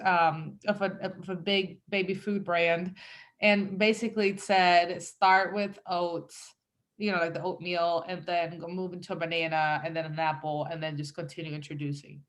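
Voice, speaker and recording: A conversational interview features a woman entrepreneur in her thirties from El Salvador discussing her business. Her fairly bright, lowish voice stays steady at a moderate pace. Chatty by nature, she leans on fillers and frequently quotes her own words.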